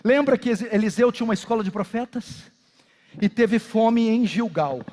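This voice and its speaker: A Brazilian man preaching from the pulpit in a very high, reedy voice, dropping from forceful shouts to hushed, urgent intensity. His words ring out with a long reverb that trails through a large church hall. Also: animated, normal speed. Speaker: pastor. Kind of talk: sermon.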